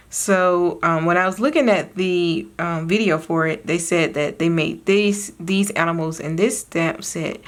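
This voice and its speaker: A woman with a Southern US accent, a craft vlogger chatting casually to her viewers, rambling and giggling with lots of fillers. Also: fairly low pitch. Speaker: craft YouTuber.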